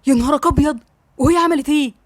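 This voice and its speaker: A woman's voice: sits high, racing, darkish tone, dry recording, clean studio sound, lightly acted. A woman with an Egyptian accent voicing a worried young businessman, urgent and fretful. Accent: Egyptian Arabic.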